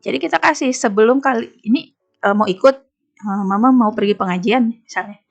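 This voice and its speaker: A fairly high-pitched woman with an Indonesian accent talks on an Islamic women's show. She speaks emphatically and lively, often acting out the voices in her stories. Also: a little fast. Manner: emphatic, animated storytelling with acted quotes. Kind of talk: talk show conversation.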